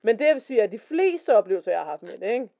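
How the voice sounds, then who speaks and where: A woman's voice: fairly high pitch, sing-song, mellow. Chatty woman on a lo-fi podcast. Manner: chatty, reads quotes in a slower voice. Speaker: podcast co-host. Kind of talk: casual podcast chat, reading stories aloud. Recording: dull lo-fi podcast recording.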